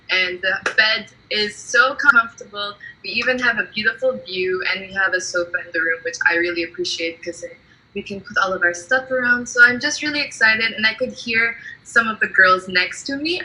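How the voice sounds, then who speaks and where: Bright, chatty Filipina pageant candidate. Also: female voice, medium pitch, poor audio. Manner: chatty and enthusiastic. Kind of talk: interview answer.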